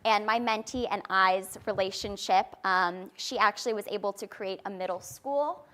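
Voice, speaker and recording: Bright-voiced woman giving a confident startup pitch. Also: normal speed. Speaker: nonprofit founder pitching.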